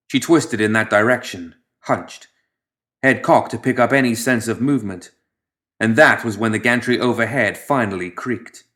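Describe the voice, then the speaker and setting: A man narrates an audiobook of scripted fiction in a mid-range voice. His storytelling is measured and dramatic, softening at the end of each phrase.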